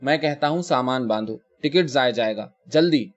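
A man's voice: lo-fi sound, lightly acted. A man voicing an exasperated husband who gives his wife curt, commanding orders in a short story reading. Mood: stern. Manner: curt, commanding, then low and steady.

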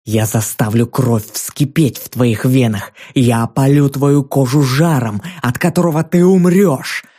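A man voicing a huge, vain fiery female giant who roars slow threats, in an audiobook reading. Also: medium pitch, dark tone, lightly acted. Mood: menacing.

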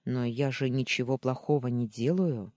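A reader voicing a gentle, embarrassed married man who reassures and calms. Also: medium pitch, normal speed, no echo, clean studio sound, close to an everyday voice. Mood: soothing. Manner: soft, reassuring.

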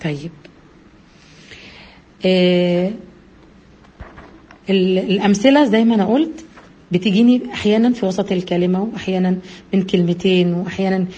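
A woman's voice: racing, dark tone, lo-fi sound. A woman with an Egyptian Arabic accent teaching recitation rules, asking her listeners questions and answering them herself. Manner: asks and answers own questions, many fillers. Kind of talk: explanatory lesson, addresses listeners directly. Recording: husky low-bitrate radio-quality audio.

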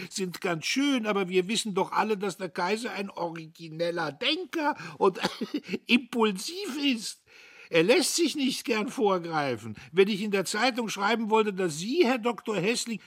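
Brief: drunk, giggling small-town editor read by a man, high, lively, husky. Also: no room sound, clean studio sound, heavily acted. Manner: giggly, tipsy, tumbling speech. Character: tipsy male newspaper editor, giggling and swaying.

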